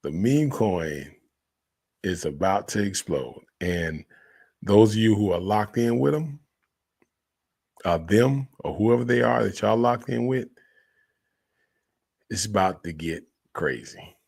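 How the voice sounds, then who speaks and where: Gravelly, deep-voiced crypto bro guy. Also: lively intonation, measured pace, long pauses, darkish tone. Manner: hyped crypto bro, slangy and emphatic. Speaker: crypto YouTube host. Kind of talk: casual solo crypto commentary.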